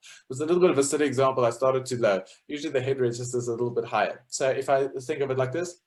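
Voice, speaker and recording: In a rapid-fire delivery and a darkish, mid-range voice, a man lectures informally about choral music, including sung demonstrations. He walks through each step in an explanatory way, filling his thinking-aloud with plenty of fillers.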